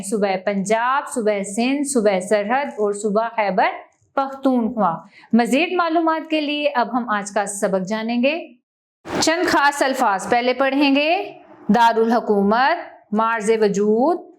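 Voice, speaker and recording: A woman teacher, reading a school textbook lesson aloud slowly and clearly to children. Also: a little high. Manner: slow, clear classroom reading, stressing each word in lists.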